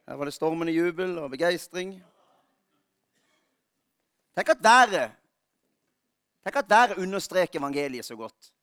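A male pastor giving an Easter sermon, telling funny stories about himself with lively warmth. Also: a little high, long pauses, clean tone, dry recording, studio quality. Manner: lively storytelling, self-mocking humor.

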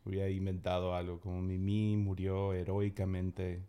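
A woman in a casual chat, cracking dry, deadpan jokes. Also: very deep voice, normal speed, smooth.

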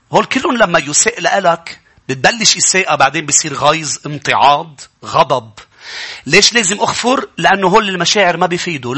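A man, preaching a sermon as pastor, swinging from quiet, low stretches up to impassioned shouting. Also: breathy edge.

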